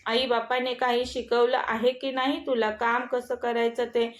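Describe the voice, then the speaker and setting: A woman's voice: a little high, little pitch movement, measured pace, roomy sound, lightly acted. Woman voicing a cruel rich mother-in-law. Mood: taunting. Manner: taunting, scolding.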